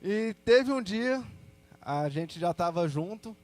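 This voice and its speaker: A man's voice: sits high, slow pace, faint music behind. A young man with a Brazilian Portuguese accent gives a personal testimony to a church congregation, telling his story in a casual, slangy way. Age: young adult. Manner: casual, slangy storytelling with lively quoted asides.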